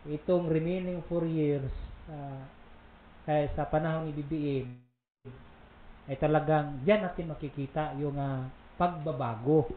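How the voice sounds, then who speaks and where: A man's voice: fairly high pitch, steady tone, measured pace, pauses often. A man co-hosting a casual religious talk program, explaining at length with asides and laughs. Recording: roomy, tinny phone-like sound with faint noise.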